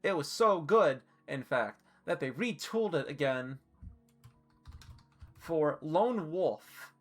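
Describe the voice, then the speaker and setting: A woman's voice: deep voice, expressive, takes it slowly, faint music behind. A woman live-streaming, chatting casually and swearing freely while she ranks costumes, hiccuping and a little flustered.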